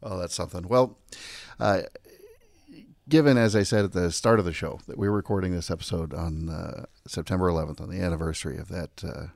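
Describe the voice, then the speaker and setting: Deep gravelly male host, halting questions, dry sound. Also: fairly even intonation, darkish tone, dry recording. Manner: hesitant, many "uh" fillers. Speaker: podcast host. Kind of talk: interviewing.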